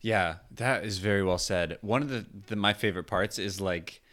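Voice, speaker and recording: A man's voice: fairly low pitch, normal speed, fairly bright tone. A man co-hosting a casual chat, playful and teasing. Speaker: podcast co-host.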